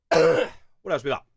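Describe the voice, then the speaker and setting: A young man with a Kent accent talks through viewer comments on his live stream, rambling loosely with lots of "um"s and restarts. His pitch swings around animatedly, and the recording is dry and close with no room sound. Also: fairly bright tone, dry recording. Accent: English, Kent. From England. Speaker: streamer answering chat. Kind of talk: casual live-stream chat.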